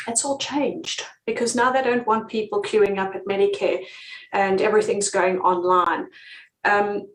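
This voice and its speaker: A British woman who works as a relocation consultant gives advice on a live stream, reading out viewer comments in an echoey room. Her mid-range voice stays steady and unhurried, and she's chatty and easygoing, with lots of ums and easy laughter.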